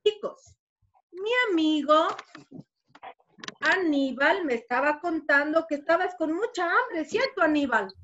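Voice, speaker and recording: A woman's voice: high voice, animated, unhurried, fairly bright tone, lo-fi sound. A woman, a preschool teacher telling a playful story and guiding young children in a lesson. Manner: playful, sing-song, with frequent laughs.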